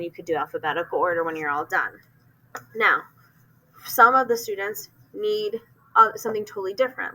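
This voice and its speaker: A woman's voice: medium pitch, pushed and bright, poor audio. A woman teacher explaining a classroom phonics activity step by step, with frequent ums and restarts. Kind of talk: instructional explanation.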